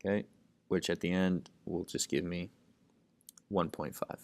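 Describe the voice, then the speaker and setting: A man's voice: deep voice, fairly even intonation, unhurried, darkish tone. A man explaining math problems step by step, thinking aloud and saying "okay" at nearly every step. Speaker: math tutor. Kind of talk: lesson narration while writing.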